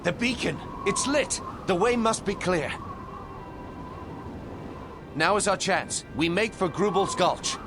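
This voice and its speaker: Proud fantasy prince, higher male voice, earnest, oratorical, game cutscene, loud music behind. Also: animated, slow, long pauses. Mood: urgent. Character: proud, defiant human prince leading refugees. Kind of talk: video game cutscene acting.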